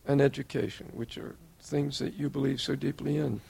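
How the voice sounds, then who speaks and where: Older guy, gravelly voice, earnest formal tribute, point by point. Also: mid-range voice, fairly even intonation, dark tone. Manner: measured, earnest, lists points in order. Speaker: interviewer.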